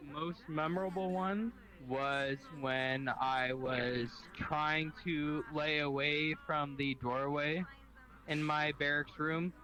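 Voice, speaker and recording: A man with a bright, forceful voice tells a story in a casual way. He speaks a bit higher than most men, stops often, starts his sentences over and swears now and then. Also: low-quality recording. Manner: halting, restarts often, swears. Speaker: soldier telling a story.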